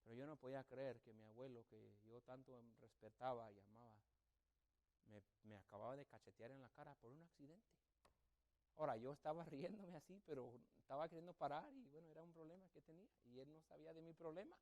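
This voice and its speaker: A man's voice: medium pitch, fairly quick, a little mellow. A man preaching a sermon as a pastor, telling a story and acting out family members' voices. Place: church sanctuary.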